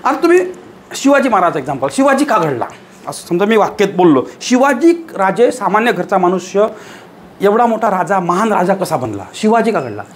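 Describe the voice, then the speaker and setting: This is a man delivering a motivational lecture to a live audience. His voice sits high, and he drives every point home with rhetorical questions and repetition. A faint hum of the room sits behind him. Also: big pitch swings, a little fast. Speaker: teacher giving a motivational talk.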